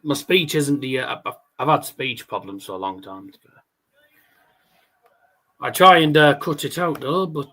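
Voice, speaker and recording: Man with a stutter and soft R's. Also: medium pitch, animated, a little slow, long pauses. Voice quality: cannot pronounce R's, says w for r. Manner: casual, sweary, rambling. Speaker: livestream host. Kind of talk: casual watchalong chat and darts commentary.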